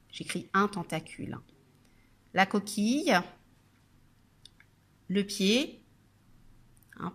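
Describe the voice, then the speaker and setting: A woman teaches a phonics lesson for young children. She talks at an unhurried, deliberate pace, drawing out each syllable and naming letters one by one, at a moderate pitch. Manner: sounds out syllables slowly and clearly.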